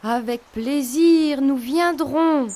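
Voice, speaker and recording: A woman voicing a kind, motherly ogress in a storybook, speaking slowly and soothingly. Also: high-pitched, warm tone. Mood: reassuring. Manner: slow, soothing and reassuring. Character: kind gentle female ogress, large and motherly. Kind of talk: storybook voice acting.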